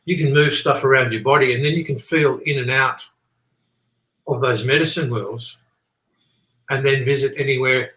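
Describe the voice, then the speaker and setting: A man with a mid-pitched voice talks as an interview guest in a roomy, echoing space. He explains things earnestly and loosely, circling back over his points and checking that the listener follows. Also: fairly even intonation, normal speed, pauses often, pushed and bright. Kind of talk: rambling explanatory conversation. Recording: echoey, roomy sound.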